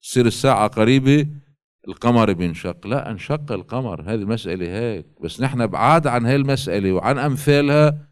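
Man giving a slow, deliberate religious lecture. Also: mid-range voice, clear, resonant tone. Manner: alternates slow quoted readings with colloquial asides. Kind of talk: religious lecture reading from texts.

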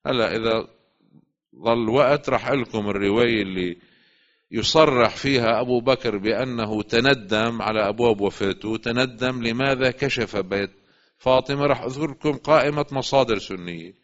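A man giving a religious lecture, swinging between loud urging and quiet asides. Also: medium pitch, moderate pace. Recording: dull lo-fi recording.

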